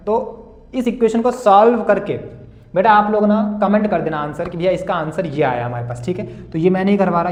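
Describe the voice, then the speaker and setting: A man's voice: on the high side, darkish tone. A young male maths teacher solving board-exam problems, calling students "beta" and "bhaiya" and asking and answering his own questions. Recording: echoey room.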